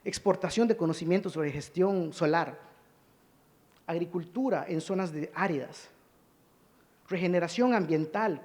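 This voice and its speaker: A man from Costa Rica speaks unhurriedly in a fairly high, slightly mellow voice, leaving long pauses. Giving an earnest conference presentation, he urges his points and cues slides. A long hall reverb fills the recording.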